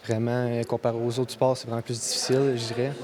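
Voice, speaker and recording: Boxer guy, monotone and calm, crowd chatter all around. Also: mid-range voice, fast talker. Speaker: amateur boxer.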